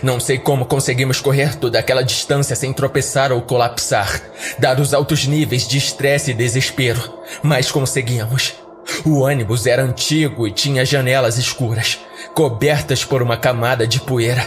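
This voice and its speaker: Music runs under this recording of a man with a mid-range voice and a Brazilian accent. As a podcast host, he gives a dramatic first-person horror narration from a script, keeping his intonation fairly even and his pace moderate.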